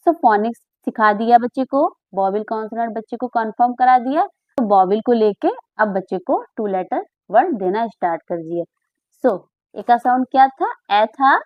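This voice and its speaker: A woman teaching phonics to parents, slowly sounding out letters and words and speaking directly to mothers. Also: fairly high pitch, lively intonation, no echo, narrow, tinny audio. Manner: instructive, addresses mothers directly.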